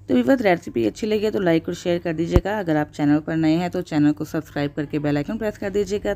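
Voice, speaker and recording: Low-pitched woman, calm step-by-step recipe voice-over for her own channel. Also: vocal fry. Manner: steady instructional narration with religious blessings. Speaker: cooking channel host. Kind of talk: voice-over cooking tutorial.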